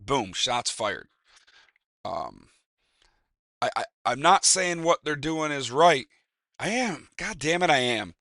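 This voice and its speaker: A man's voice: medium pitch, big pitch swings, slow pace, pauses often, bright, forceful tone, no room sound, clean studio sound. A man giving a rambling, emphatic casual opinion monologue, with restarts and fillers. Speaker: commentator.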